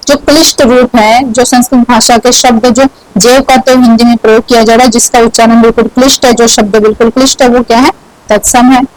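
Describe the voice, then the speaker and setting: A woman's voice: on the high side, dry recording, poor audio. A woman teaching a grammar lesson, repeating each word and asking and answering her own questions as she explains.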